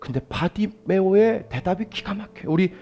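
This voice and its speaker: A male pastor preaching a Sunday sermon to a congregation with a sore throat, emphatic and swinging between soft asides and loud cries, often asking his listeners questions. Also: sits high, lively intonation, normal speed, lo-fi sound. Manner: asks the congregation questions and leads group reading. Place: church service before a congregation.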